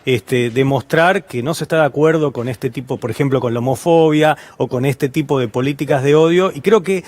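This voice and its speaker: An Argentine man with a Rioplatense accent, a guest professor answering interview questions, halting with many restarts and fillers. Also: medium pitch, a little mellow. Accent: Rioplatense Spanish.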